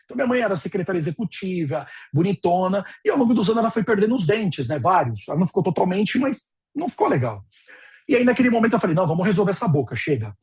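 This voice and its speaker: Speaking fast in a high, sing-song voice with a breathy edge, a Brazilian dental practice consultant in his forties leads a webinar with a Brazilian Portuguese accent. He keeps it conversational, tossing in frequent tag questions and telling stories from his own life.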